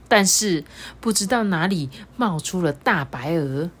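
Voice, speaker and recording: A woman's voice: lowish voice, lively intonation, unhurried, slightly rough. A woman reading a children's picture book aloud, with chatty explaining asides. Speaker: storyteller.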